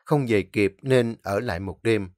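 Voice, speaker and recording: A man's voice: lowish voice, unhurried, darkish tone, no echo, studio quality. A man narrating a dramatic story vividly.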